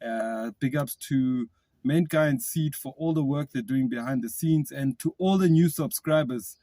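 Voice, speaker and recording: A man hosting a podcast from inside a classic car, upbeat and enthusiastic, laughing often and giving shout-outs. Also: mid-range voice, moderate pace, no echo. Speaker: podcast host. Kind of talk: casual podcast chat.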